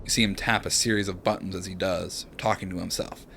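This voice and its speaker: A young man streaming a narrative game, reading its text aloud in a hushed, dramatic way and chatting with viewers. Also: sits low, fairly even intonation, a little fast, vocal fry, a little hiss or hum.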